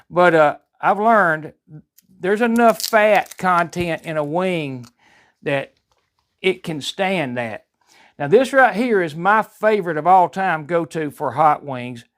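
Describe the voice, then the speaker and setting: High-voiced Southern US man, folksy and chatty. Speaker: home cooking vlog host. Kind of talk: casual cooking demonstration.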